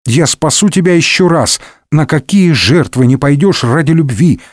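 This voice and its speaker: A man voicing a scheming, seductive noblewoman who coos and teases in a raised, lively voice. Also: on the high side, moderate pace, no echo, studio quality. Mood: cooing. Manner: cooing and teasing, coldly sly in asides.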